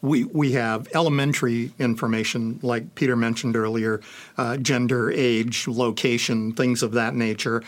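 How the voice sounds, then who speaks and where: A man's voice: mid-range voice, fairly even intonation, moderate pace. A man speaking as a panelist in a discussion, hesitant, with many fillers and restarts. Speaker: panelist on insurance analytics.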